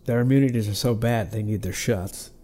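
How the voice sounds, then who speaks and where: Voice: mid-range voice, brisk, mellow. A co-host in casual chat, blunt and sardonic, swearing freely. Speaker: podcast co-host.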